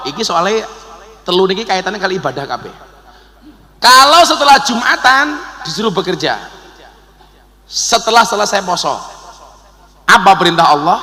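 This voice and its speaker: A middle-aged man with a Javanese accent preaching a humorous sermon to a congregation, joking and chanting verses slowly. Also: high voice, bright, forceful tone. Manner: jokey, switches between Indonesian and Javanese, chants verses slowly. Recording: long hall reverb.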